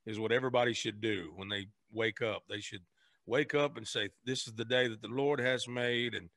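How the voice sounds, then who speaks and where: A man's voice: mid-range voice, steady tone, normal speed, a bit bright, no room sound. An earnest man with a drawl talks as a podcast guest, restarting his sentences as he goes. His voice sits mid-range. The recording is dry and close. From Memphis, Tennessee, raised in Arkansas. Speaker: guest, singer. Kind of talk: casual conversation.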